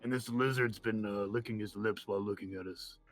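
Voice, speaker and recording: A man's voice: on the low side, fairly even intonation, a little fast, soft background music, natural voice. A man playing a big, doting orc warrior. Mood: confiding.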